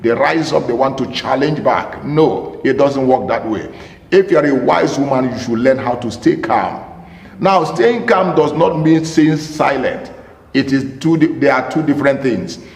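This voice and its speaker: A man's voice: mid-range voice, a little slow, vocal fry. A man, a pastor and marriage counselor, giving an emphatic teaching talk to camera, repeating key phrases and asking rhetorical questions. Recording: roomy with long reverb.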